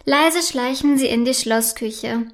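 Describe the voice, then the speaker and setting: A woman reads a bedtime story for children. Her narration is gentle, even and scripted. Her voice sits high. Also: slow pace.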